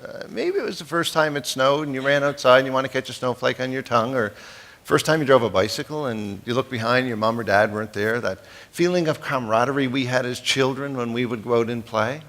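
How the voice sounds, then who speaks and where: A man's voice: medium pitch, fairly quick, a bit bright. A man in his fifties, from the East Coast, giving a folksy, joking keynote speech and asking the audience questions. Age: 50s. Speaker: keynote speaker.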